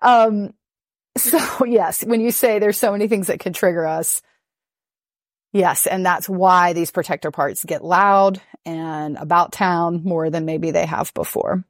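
A woman relationship coach talking in a podcast interview, animated and quick to laugh, swearing casually. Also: fairly low pitch, no echo, studio quality.

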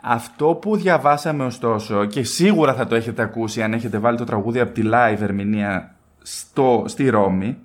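Guy hosting a chat show, joking around and teasing his cohost, telling stories. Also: mid-range voice. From Greece. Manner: playful, teasing, storytelling. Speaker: podcast co-host. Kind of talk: casual chat.

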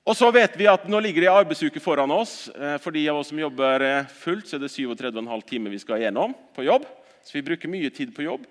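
A man preaching in a church with a fairly high, very lively voice that leaps up for loud calls and sinks for quiet asides. He often repeats words as he restarts a sentence. His sermon rings with the long reverb of the hall. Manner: impassioned, swinging between loud exhortation and quiet earnest talk. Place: church service.

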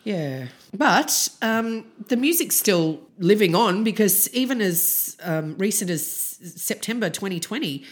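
A woman's voice: mid-range voice, expressive, unhurried, hardly any pauses. An Australian woman co-hosting a casual music podcast, chatty and well-spoken. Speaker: podcast co-host. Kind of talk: casual chat about 80s and 90s music.

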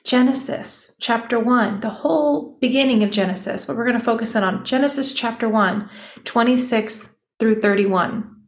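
A woman hosting a devotional podcast, lingering slowly on key words and repeating them for emphasis. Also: fairly high pitch, reverberant. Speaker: podcast host.

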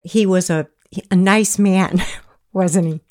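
Low-voiced affirming woman host. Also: fairly even intonation, slow. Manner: warm, affirming interviewer. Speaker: podcast host. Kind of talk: interview conversation.

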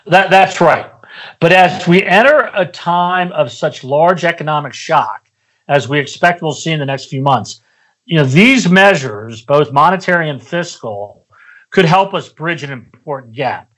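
Male analyst guest, somewhat higher pitch, measured explanatory interview delivery with hesitations. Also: lively intonation, fairly bright tone. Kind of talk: podcast interview commentary.

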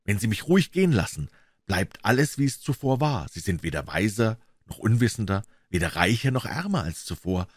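A man's voice: fairly low pitch, very animated, brisk, breathy edge, no echo, studio quality. A man voicing a sinister, feverish male visitor who tempts and commands in urgent, theatrical declamation. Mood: menacing.

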